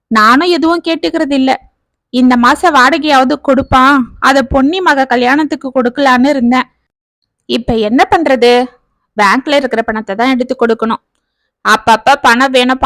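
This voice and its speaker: Woman doing anxious older mother-in-law, high, dry close read. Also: fairly bright tone, dry recording. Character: worried elderly widowed mother-in-law.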